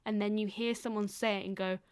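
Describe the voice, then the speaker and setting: A woman's voice: mid-range voice, fairly even intonation, brisk, clear, resonant tone. A woman co-hosting a casual podcast, explaining things at length with frequent fillers and laughter. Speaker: podcast co-host.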